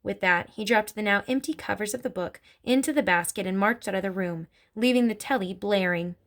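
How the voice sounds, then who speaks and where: A woman reading a children's story aloud in an expressive storytelling manner. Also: medium pitch, fairly quick. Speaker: narrator.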